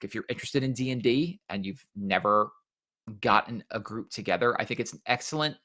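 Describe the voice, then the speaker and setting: A man with an average-pitched voice co-hosting a games podcast. He chats casually, with plenty of uhs and restarts. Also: fairly quick, pushed and bright. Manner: chatty, with filler words and restarts. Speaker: podcast co-host. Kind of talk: casual chat.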